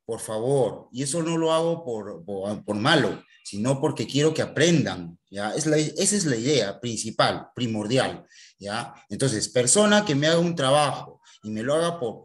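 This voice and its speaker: A man teaching a computer class in an online recording. He talks straight to his students and keeps checking with a quick "¿ya?". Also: mid-range voice.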